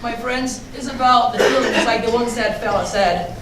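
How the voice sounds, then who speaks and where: A man's voice: extremely high pitch, moderate pace. Man hammily playing an aggrieved broken guitar, noisy room. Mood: earnest, wounded. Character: aggrieved, broken guitar complaining about its owner. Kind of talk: live improv comedy. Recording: echoey room, distant mic, loud noise.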